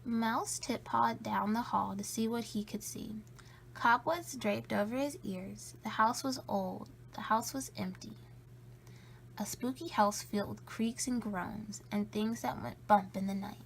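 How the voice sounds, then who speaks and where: A woman reading a children's story aloud in a playful, spooky way, with drawn-out emphasis and a creaky edge. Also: mid-range voice, steady tone, slight background noise, poor audio. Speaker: storybook reader.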